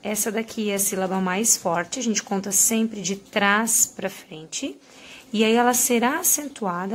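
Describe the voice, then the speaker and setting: Woman teacher explaining grammar rules. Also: mid-range voice. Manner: explanatory, stresses example words. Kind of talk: classroom lesson explaining rules.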